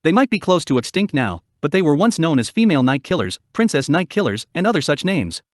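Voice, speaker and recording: A man's voice: fairly high pitch, big pitch swings, a little fast, no echo, clean studio sound. A man voicing a pompous, solemn male penguin demon in an audiobook reading, with a grandiose, declaiming delivery.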